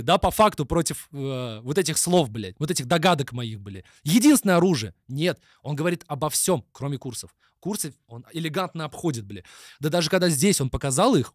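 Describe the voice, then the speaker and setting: A man's voice: a little high, animated, brisk, no echo, studio quality. A man streaming live, ranting and mocking with constant swearing. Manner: heavy swearing, mocking, ranty. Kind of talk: live stream reaction rant.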